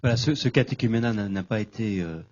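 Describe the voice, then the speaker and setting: A man, a priest, asking a guest questions in a measured, hesitant way during a conference interview. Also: on the low side, darkish tone, dull audio.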